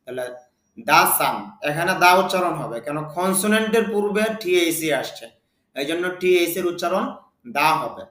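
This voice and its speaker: Guy teaching english grammar, asks himself questions then answers, kinda high voice, echoey room. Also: animated, a bit bright. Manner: slow, drawn-out reading of English example sentences. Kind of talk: spoken English lesson.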